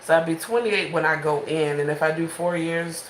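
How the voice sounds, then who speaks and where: A woman's voice: low-pitched, moderate pace, slight background noise. Young woman, twenties, frank rambling vlogger at home, roomy phone sound. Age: 20s. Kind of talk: casual late-night vlog. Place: home bedroom at night. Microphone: phone held in hand.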